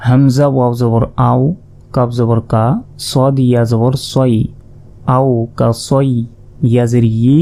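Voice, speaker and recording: A man's mellow, mid-range voice, touched with vocal fry, leads a Quran recitation lesson in Bengali with a Bangladeshi accent. Going slowly, he spells out letters and vowel marks individually before chanting the assembled word.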